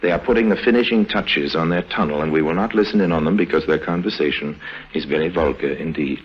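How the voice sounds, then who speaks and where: A man with a rumbling low voice leads and narrates a 1950s radio drama, playing a wry, worldly, self-assured con artist. Dryly amused, he tells the tale with unhurried irony in both narration and dialogue. The old, low-quality radio recording has music behind it.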